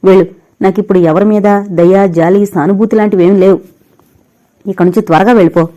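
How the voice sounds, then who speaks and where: A heartbroken young man pours out pained, bitter words, begging his lost love to leave him. A woman reads him in an audio novel. The voice stays mellow and warm. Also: mid-range voice, steady tone, fairly quick, highs cut off, close to an everyday voice. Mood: anguished. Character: heartbroken young man drinking himself to ruin.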